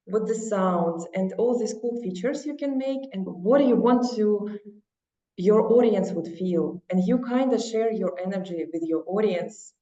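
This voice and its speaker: Speaking in a mellow, mid-range voice, a woman with a Russian accent talks casually as an interview guest, encouraging and earnest; English isn't her first language. The audio is lo-fi, dull, distant and echoey.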